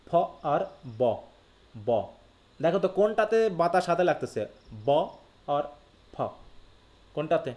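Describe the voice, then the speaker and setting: High-voiced Bangladeshi man teaching a class. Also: darkish tone. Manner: explains step by step, often checking that students follow; reads English text slowly, then explains it. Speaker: English teacher. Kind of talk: live lecture.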